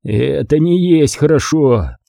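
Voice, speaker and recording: A man's voice: a little high, lively intonation, slow, gravelly, dark tone, no room sound, clean studio sound, pitched above the performer's own voice, full character voice. A man doing a wounded stoic soldier. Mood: wry, stoic.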